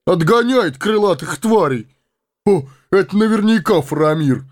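A man's voice: a little high, expressive, a little slow, warm tone, voice pushed up. A man voicing an earnest, loyal male fortress guard who speaks urgently. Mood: alarmed.

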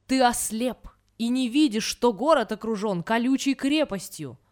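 Hot-headed shouty storybook general, a woman reading him out, voice jumps all over. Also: on the low side, very animated, normal speed. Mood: indignant. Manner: indignant, shouting. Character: proud quick-tempered male army general.

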